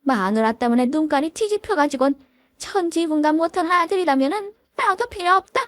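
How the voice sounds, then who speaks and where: A woman's voice: sits high, animated, fairly quick, a bit bright, no echo, pitched above the performer's own voice. A woman voicing a scheming, domineering older mother-in-law who nags and scorns, in a dramatized story reading. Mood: scornful. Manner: scornful, nagging.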